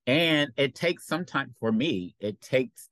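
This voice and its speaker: A man speaking as a talk-show guest, reflective and unhurried, pausing often with "um". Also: medium pitch, expressive, a bit bright, dry recording, poor audio. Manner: reflective, unhurried, many "um" pauses. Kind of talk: casual talk-show chat.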